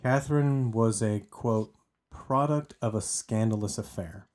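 Casual podcast co-host, male, mellow tone, chatty and given to restarts. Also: on the low side, a little slow. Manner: chatty, often repeats words while restarting. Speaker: podcast co-host telling the story. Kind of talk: casual true-crime podcast storytelling.

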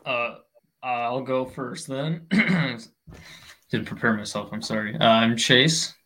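A man's voice: mid-range voice, slow, bright, forceful tone, rough recording. A man in his early twenties, a podcast guest, talking hesitantly and hedging with "like" and "I guess.". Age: 20s. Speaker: podcast guest, finance intern. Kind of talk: casual podcast chat.

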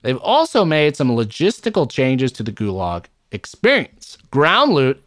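A man's voice: medium pitch, huge pitch swings, a little slow, a bit bright, no room sound, clean studio sound. A man co-hosting a gaming podcast, talking bluntly and opinionated with plenty of swearing. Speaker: podcast co-host. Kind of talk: casual gaming podcast chat.

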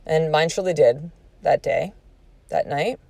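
A woman's voice: low-pitched, unhurried, creaky, no echo. A woman in her forties, a podcast host telling a personal story in a candid, profane way, acting out what people said. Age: 40s. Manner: candid and profane, animated retelling with quoted speech.

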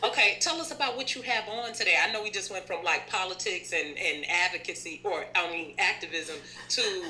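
Bright-voiced, animated woman host. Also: on the low side, a little fast, few pauses, a little hiss or hum. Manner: animated, laughs often, slangy. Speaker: podcast host. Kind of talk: casual chat.

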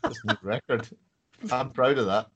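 A man's voice: mid-range voice, moderate pace, highs cut off, noisy background. A British man co-hosting a podcast in casual, jokey, self-deprecating banter. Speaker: podcast co-host.

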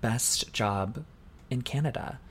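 A woman's voice: very deep voice, slow, slightly rough. A woman co-hosting a podcast in casual chat, giggly and candid, often trailing off with "like" and "I don't know". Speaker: podcast co-host.

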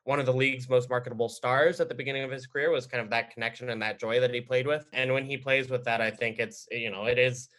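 A young man chats casually as a sports writer on a podcast. His voice is medium in pitch with a bright edge, and he works out his thoughts haltingly as he goes. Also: fairly even intonation.

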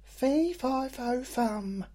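A man voicing a menacing giant ogre, chanting slowly. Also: very high-pitched, animated, dark tone, voice pushed up, heavily acted.

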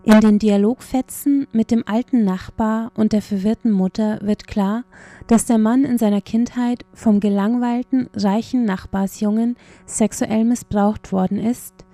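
A woman's voice: fairly high pitch, steady tone, measured pace, dark tone, no room sound, soft background music. A woman reading a scripted cultural report as a radio reporter.

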